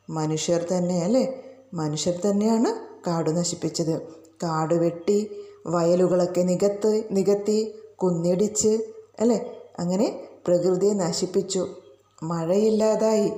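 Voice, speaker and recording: A woman's voice: mid-range voice, mellow. A woman teacher explaining a school lesson to children, often asking them rhetorical questions. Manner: asks pupils rhetorical questions. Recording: roomy echo.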